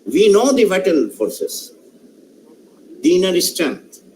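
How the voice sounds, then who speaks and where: A man's voice: sits high, very animated, slow, a little mellow, a little hiss or hum, poor audio. A male professor with an Indian English accent, giving an online lecture and putting questions to participants, speaking emphatically and often repeating and restarting phrases. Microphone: online session microphone.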